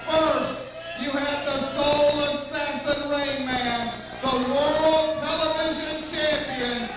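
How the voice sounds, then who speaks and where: Male wrestling manager, ring promo: very high, slow, grandiose and threatening, distant mic in a noisy reverberant arena. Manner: drawn-out, menacing, grandiose declamation.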